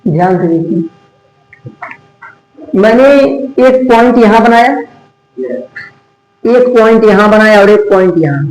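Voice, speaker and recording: Male tutor, high-pitched, call-and-response lecturing, roomy echo. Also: darkish tone. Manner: asks questions and answers them himself, repeating key terms slowly. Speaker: maths teacher. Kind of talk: classroom lecture. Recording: echoey room.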